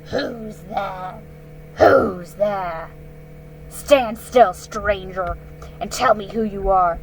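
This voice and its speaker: Menacing male wolf sentry, curt orders, unhurried , read by a woman. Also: medium pitch, fairly even intonation, faint music behind, close to an everyday voice, rough recording. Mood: stern. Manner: commanding, stern.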